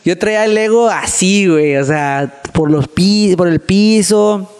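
A man's voice: high-pitched, measured pace, a little mellow, clean tone. A young man with a Mexican accent, a podcast guest telling a personal story in slangy, self-mocking casual chat. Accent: Mexican Spanish. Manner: slangy, peppers speech with filler words, self-mocking. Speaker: guest youtuber.

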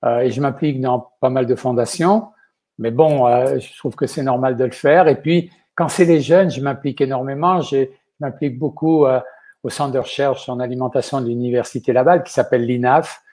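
A man's voice: medium pitch, fairly even intonation, normal speed, warm tone. An older man with a Quebec French accent, a chef speaking as an interview guest in a rambling way, often adding "ok?". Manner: rambling, tags sentences with "ok?". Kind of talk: casual interview talk.

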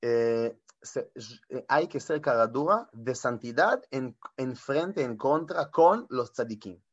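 A man giving an informal spiritual talk as a rabbi, lively and animated, often correcting himself and mixing in Hebrew words. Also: mid-range voice, slow, dry recording, highs cut off.

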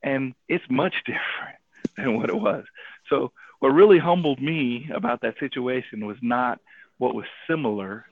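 A man telling a personal story and drawing a faith lesson from it, animated, acting out the people he quotes and often adding "right?". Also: mid-range voice, normal speed, no room sound. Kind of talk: casual radio talk. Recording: tinny phone-like radio audio.

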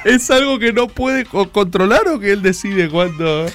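A man's voice: high voice, expressive, moderate pace, a bit bright. A man with a Rioplatense Argentine accent in an improvised comedy sketch, sounding exasperated and constantly questioning the others.

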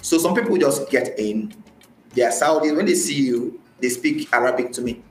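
A Nigerian man with a Nigerian accent, a podcast guest, recounts his personal experiences in a conversational interview, often repeating phrases for emphasis. His medium-pitched voice is lively in intonation, at a moderate pace. The recording has a roomy echo and faint music.

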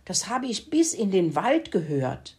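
A woman's voice: medium pitch, sing-song, a little slow, mellow. A woman voicing a curious, eager male rat in a farmyard story.

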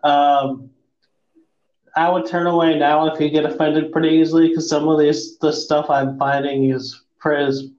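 Guy podcast host, kinda slow talker, crude jokes, muffled echoey room like hes inside a fishbowl. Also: fairly high pitch, little pitch movement. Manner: crude dark-humored joking, swearing. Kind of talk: casual joking podcast chat. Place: echoey room, not soundproofed.

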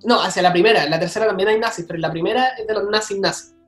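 Fast-talking Chilean man, roomy sound. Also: high-pitched, fairly bright tone, faint music behind. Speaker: guest, content creator. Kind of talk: casual interview chat.

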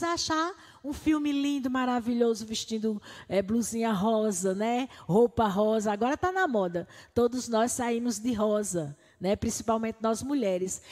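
An earnest Brazilian-accented woman in her fifties speaks up during a church class. She talks quickly and fills her pauses with small tags. Her voice is a little high, with a long hall echo around it. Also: a little mellow. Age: 50s. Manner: earnest, talks fast with many fillers. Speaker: congregant asking a question.

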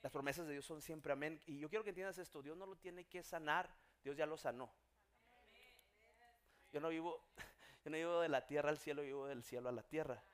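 A man preaching a sermon as pastor, building from hushed storytelling to shouted emphasis. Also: on the high side, fairly quick.

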